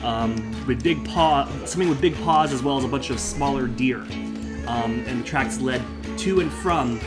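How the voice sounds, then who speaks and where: A man with a middling pitch narrates a tabletop game as its dungeon master. He speaks casually in halting, improvised phrases, with music clearly behind him.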